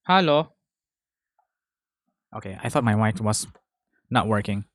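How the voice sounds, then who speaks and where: A man's voice: fairly low pitch, animated, a little slow, a bit bright, no echo. A man hosting a podcast, chatting casually while eating, rambling and correcting himself between bites. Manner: rambling, chewing between phrases, self-correcting. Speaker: podcast host.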